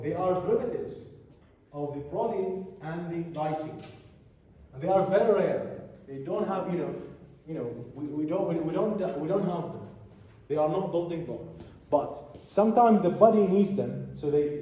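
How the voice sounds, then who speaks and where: A man lectures a class in a fairly high, mellow voice, stopping and restarting his phrases as he explains. He sounds set back from the mic in a big, strongly echoing room, with a faint hiss underneath. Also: far from the mic. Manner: halting, repeats and restarts phrases while explaining. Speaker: biochemistry lecturer.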